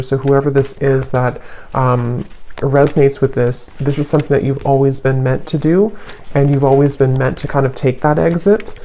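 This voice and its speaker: A tarot reader talks through a card spread in a mellow, warm tone. The delivery stays flat and even, unhurried, often pausing to search for the next word. Soft fillers drift in between the thoughts. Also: medium pitch, slight background noise. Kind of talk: tarot card reading to camera.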